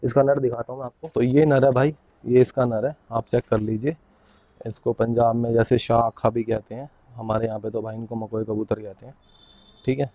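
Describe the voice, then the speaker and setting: A man showing his pigeons to the camera in a casual, chatty way, often tagging his sentences with a quick "okay?". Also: medium pitch, level tone, warm tone, no echo, dull audio. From India. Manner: chatty, keeps saying "bhai" and "theek hai". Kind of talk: casual hands-on show-and-tell.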